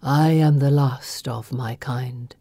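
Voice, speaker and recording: An ancient, snake-haired female creature speaks in a low, dark voice, slow and grave as she recalls the past, put on by a woman reading a storybook aloud. The sound is close and dry. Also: expressive, no echo, full character voice. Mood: sorrowful. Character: ancient sorrowful female serpent-haired creature, the last of her kind.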